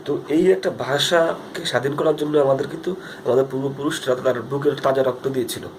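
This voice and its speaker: A man's voice: mid-range voice, a little fast, noisy background. A young Bangladeshi man speaking Bengali with a Bangladeshi accent, talking earnestly into his phone's front camera in a casual video diary, with many fillers and restarts. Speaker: vlogger.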